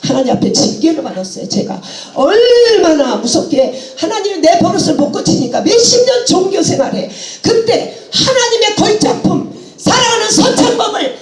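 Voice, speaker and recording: A woman's voice: very high voice, echoey room. A woman preaching a sermon with passion, laughing and exclaiming as she goes, mixing English phrases into her talk.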